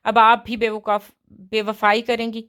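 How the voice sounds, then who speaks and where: A cheeky, lively young woman doctor with a fairly high voice, read out by a woman narrator. She talks in a playful, teasing way and never holds her tongue with anyone. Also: clean tone, close to an everyday voice.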